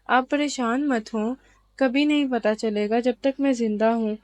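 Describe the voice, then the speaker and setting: A woman's voice: on the high side, steady tone, a little mellow, soft background music, natural voice. A woman reading as a tender husband who reassures his wife.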